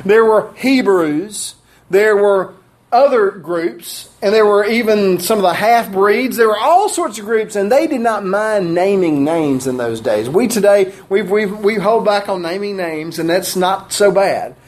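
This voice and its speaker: A man preaching in a church, his voice sitting noticeably high for a man. He is middle-aged and delivers the sermon in a folksy way, chuckling at his own asides. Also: lively intonation, unhurried. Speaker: pastor. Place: church sanctuary.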